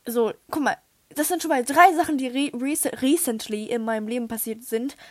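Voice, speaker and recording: A young woman hosting a podcast in casual chat, excitable, with dramatic outbursts and English slang thrown in. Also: fairly high pitch, normal speed, no room sound. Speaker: podcast host.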